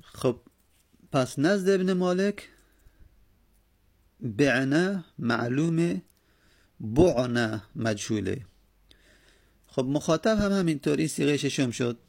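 In this grammar lecture, a man's slightly high, gravelly voice carries a rough edge, broken by long pauses. Patient throughout, he drills verb forms one after another and checks on his students as he goes.

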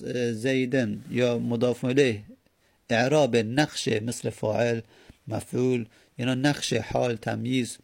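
A man's voice: medium pitch, creaky, a little mellow. A man teaching Arabic grammar, explaining patiently step by step and repeating his examples. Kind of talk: explaining lesson.

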